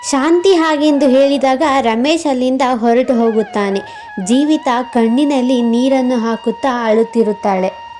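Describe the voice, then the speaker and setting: A woman narrating a cartoon moral story in a measured storytelling way. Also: high voice, dark tone, faint music behind.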